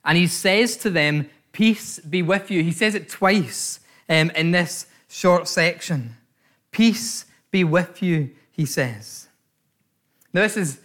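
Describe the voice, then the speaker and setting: A man's voice: a little high, fairly bright tone. A man preaching an Easter sermon as pastor, earnest and repeating his phrases, with frequent fillers.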